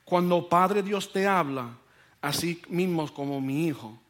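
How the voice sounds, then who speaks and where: A man preaching a sermon, telling a personal story with animated delivery and dropping into English phrases. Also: fairly high pitch, measured pace. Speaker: pastor.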